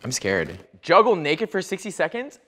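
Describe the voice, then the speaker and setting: A man's voice: fairly high pitch, huge pitch swings, moderate pace, fairly bright tone. A young man competing on a game show, dramatic and flustered as he takes on challenges. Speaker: contestant. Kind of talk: casual game-show banter.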